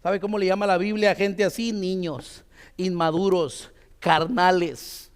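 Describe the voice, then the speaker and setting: A man preaching in a church with a fairly high voice. He talks in a loose, conversational way, tossing in tag questions and fillers as he goes. The sound carries a long reverb from the church hall. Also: steady tone, measured pace, clear, resonant tone. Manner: tells a story with many "dice" quotes. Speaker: pastor. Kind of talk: sermon.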